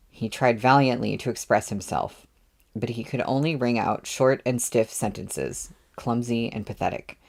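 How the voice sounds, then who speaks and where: Gravelly man reading a novel aloud. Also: medium pitch. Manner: steady reading with offhand asides. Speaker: narrator. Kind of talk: audiobook readalong.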